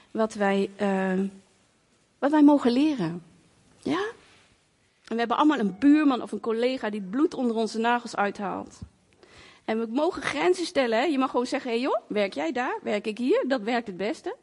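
A woman giving a sermon as a lively personal story, with many fillers, acting out voices and sounds in a conversational way. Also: fairly high pitch, moderate pace. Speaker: preacher.

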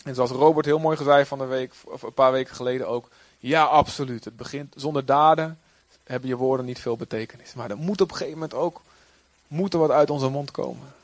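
A man preaching a sermon in a lively way, sometimes acting out quoted figures in a raised voice. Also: medium pitch, brisk, no room sound.

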